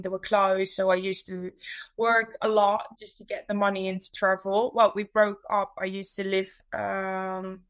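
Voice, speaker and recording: With a slightly bright, mid-range voice, a young woman from the Netherlands talks casually in an interview. She's a podcast guest who works as a women's coach, and she has a Dutch accent.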